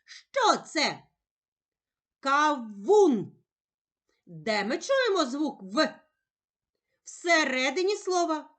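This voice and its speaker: A woman teacher speaking slowly and carefully in a sing-song voice, giving a reading lesson for young children. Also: high voice, very animated, fairly bright tone. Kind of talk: slow, clearly articulated children's reading lesson.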